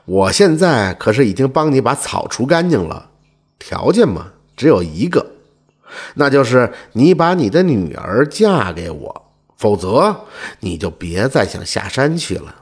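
Guy doing a smug snake spirit, slow drawl, kinda husky. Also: mid-range voice, sing-song. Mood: teasing. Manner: slow, drawn-out, teasing. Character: sly male snake immortal, slow and smug.

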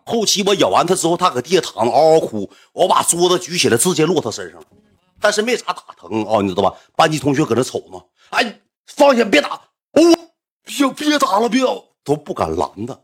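A man's voice: on the high side, breathy edge. A young man with a northeastern Chinese accent telling a story in a casual, slangy, boastful way, acting out the voices.

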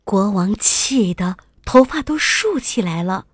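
Woman storyteller for kids, lilting and very slow, gentle. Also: medium pitch, expressive, husky, no room sound, clean studio sound. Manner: gentle, sing-song and slow, sometimes whispered. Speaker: children's storyteller. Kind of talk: bedtime story narration.

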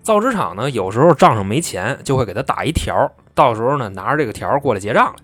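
A man's voice: mid-range voice, big pitch swings, quick pace, fairly bright tone, faint music behind. A man casually telling a true-crime story in a chatty, colloquial way.

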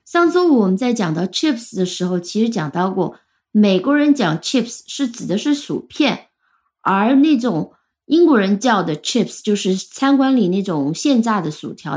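A woman's voice: medium pitch, a little mellow. A woman, a native Chinese speaker, giving a casual weekly English lesson. She explains word meanings patiently and spells words out letter by letter. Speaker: English teacher. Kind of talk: casual Friday chat lesson.

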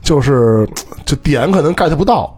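A man's voice: on the high side, animated, normal speed, a little mellow, breathy edge. A man from Beijing with a Beijing accent, chatting casually as a podcast co-host and telling stories while checking that listeners follow. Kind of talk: casual chat.

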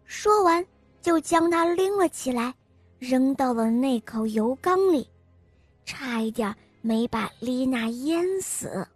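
A woman host reading a fairy tale for children in a gentle, clear, unhurried way. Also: high voice, lively intonation, no echo, faint music behind. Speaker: storyteller host.

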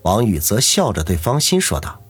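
A man narrating an audiobook novel in a steady storytelling manner. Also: on the low side, normal speed, breathy edge, no room sound, faint music behind. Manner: steady storytelling, doing every character.

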